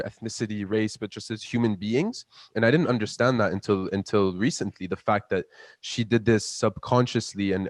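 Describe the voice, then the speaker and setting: Young man, twenties, from Palestine, low-pitched, dry close recording, earnest, passionate, repeats words. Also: dry recording. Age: 20s. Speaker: guest, student entrepreneur. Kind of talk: interview answers.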